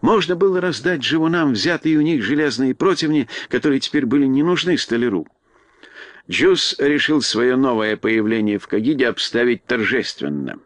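A man's voice: medium pitch, animated, normal speed, no echo. Man narrating a storybook, dry sound. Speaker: audiobook narrator.

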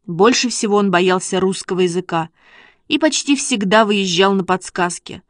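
A woman narrating a children's story in a steady, measured reading. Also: medium pitch, no room sound, clean studio sound. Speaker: audiobook reader.

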